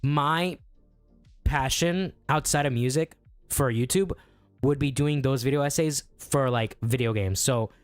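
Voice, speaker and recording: A young man chatting casually as a guest, excitable, swearing freely and laughing often. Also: medium pitch, measured pace, clear, resonant tone, no room sound, faint music behind. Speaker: guest musician and streamer. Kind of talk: casual podcast chat.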